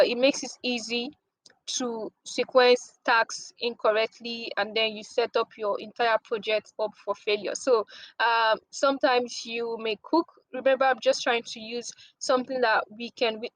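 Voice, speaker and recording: Dry, higher-pitched woman teaching a lesson. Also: no echo, poor audio. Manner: relaxed, with many ums and restarts, everyday examples. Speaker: project management instructor. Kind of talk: explanatory lesson with slides.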